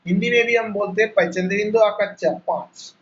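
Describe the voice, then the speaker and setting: A man with a Bengali accent teaching an online class, explaining slowly and repeating each sound as he spells it out. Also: high voice, lo-fi sound. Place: home, on a video call. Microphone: laptop mic on a video call.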